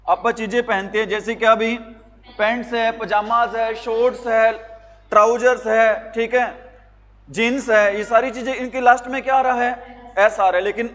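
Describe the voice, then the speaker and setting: A male teacher with a very high-pitched voice runs a grammar lesson, firing the same questions again and again at his class. His voice rings with a long reverb, as if it was caught in a large hall. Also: fairly bright tone. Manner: quizzing students with repeated questions.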